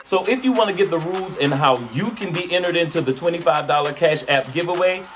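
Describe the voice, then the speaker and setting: A man's voice: a little high, fast talker, heavy background noise. A man hosting a cooking channel, casually calling out names in a playful, chatty vlog giveaway. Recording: music playing behind the voice.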